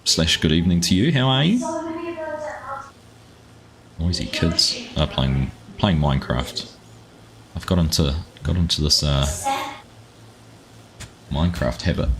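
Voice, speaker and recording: This man, a New Zealand gaming livestreamer with a New Zealand accent, has a sing-song bass voice, moving at a moderate pace with long pauses. He chats casually and rambles while playing a farming game, greeting viewers by name.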